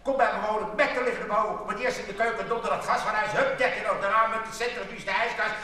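A man's voice: high-pitched, steady tone, quick pace, pushed and bright, far from the mic. A man telling jokes on stage in a chatty way, acting out the people in his jokes. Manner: chatty, acts out joke voices, laughs along. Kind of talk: stand-up joke telling. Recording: echoey hall from afar, faint ambience.

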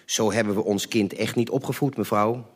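A man's voice: lowish voice, fairly even intonation, normal speed, lightly acted. Smug middle-aged neighbor man, self-assured and lecturing, in a spoken memoir, read by a man.

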